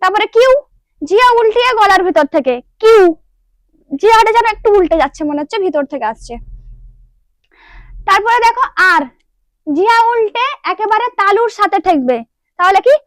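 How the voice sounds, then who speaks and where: High-voiced woman teaching patiently. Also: expressive, a little fast, long pauses, no echo, studio quality. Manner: patient, asks and answers her own questions. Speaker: English teacher. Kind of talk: classroom lesson.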